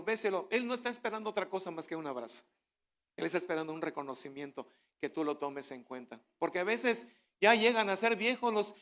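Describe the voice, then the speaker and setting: Male pastor, middle-aged, high voice, chatty sermon that swells into fervent proclamation. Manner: conversational preaching, frequent rhetorical questions; builds to loud fervent declaration.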